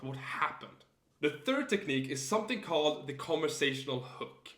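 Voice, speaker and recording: A man's voice: fairly high pitch, a bit bright. A young man coaching viewers on communication, speaking earnestly and with emphasis, acting out example lines as he goes. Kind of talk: instructional talk to camera. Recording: roomy echo.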